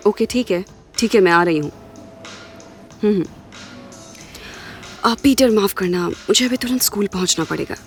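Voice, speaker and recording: A woman's voice: mid-range voice, moderate pace, long pauses, soft background music, natural voice. A woman voicing an earnest, caring school teacher who speaks politely. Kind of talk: dubbed drama.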